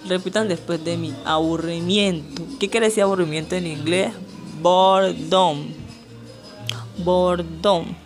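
Brief: woman teacher, very unhurried vocabulary drills, faint music underneath. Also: fairly low pitch. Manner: slow, deliberate, has students repeat words. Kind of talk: language lesson drilling vocabulary.

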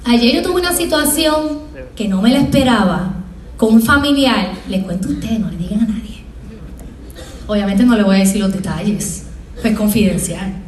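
A woman professor with a Puerto Rican accent, giving a lively motivational talk to students and acting out little scenes as she tells them. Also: fairly high pitch, a little hiss or hum. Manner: lively, acts out scenes in small voices. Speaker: university professor. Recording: echoey room, from far off.

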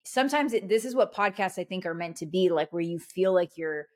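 A woman co-hosting a podcast in casual chat, rambling and animated, with many fillers. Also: lowish voice, a little fast. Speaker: podcast co-host.

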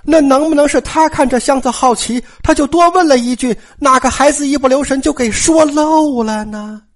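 A storyteller voicing a careful young female servant who speaks low and measured. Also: natural voice.

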